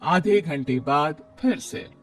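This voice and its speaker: A man narrating a cartoon story in a measured storytelling manner. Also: a little high, expressive, soft background music.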